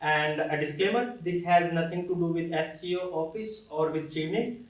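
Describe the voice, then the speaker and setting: A man introducing a panel and its live question session, steady, with a few fillers. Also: a little high. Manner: measured announcement with fillers. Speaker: panel host. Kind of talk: casual panel discussion. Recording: echoey room, distant mic.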